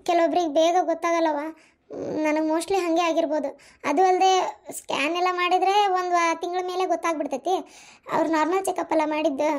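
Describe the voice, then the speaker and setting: A woman's voice: extremely high pitch, darkish tone. A woman voicing a meek, remorseful young village daughter in a cartoon, explaining hesitantly in a North Karnataka Kannada accent. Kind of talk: cartoon voice acting.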